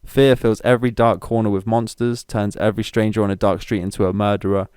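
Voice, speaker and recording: A man doing Bane's disguised deep voice. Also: flat delivery, a little mellow, clean tone, dry recording, clean studio sound, close to an everyday voice. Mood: menacing. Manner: slow, deliberate delivery of a taunting letter. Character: menacing male demon speaking in a disguised deep voice. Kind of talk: dramatic reading of a creepy story.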